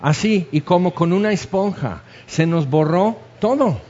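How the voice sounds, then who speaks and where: A man preaching a sermon, telling stories in an animated way and acting out the scenes. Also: high voice, measured pace. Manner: animated storytelling, acts out scenes. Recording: dull lo-fi recording.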